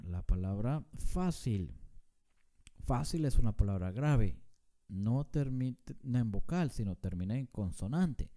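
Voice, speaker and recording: Warm-voiced man teaching with lively emphasis. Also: on the low side. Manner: slow and deliberate, stresses syllables to demonstrate. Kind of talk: Spanish grammar lesson.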